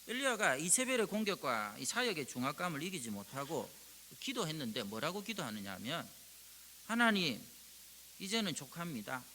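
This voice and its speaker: A male pastor, delivering a sermon and acting out prayers with sudden rises in pitch and volume. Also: big pitch swings, a little fast, bright, forceful tone. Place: church sanctuary. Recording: long reverb with faint hiss.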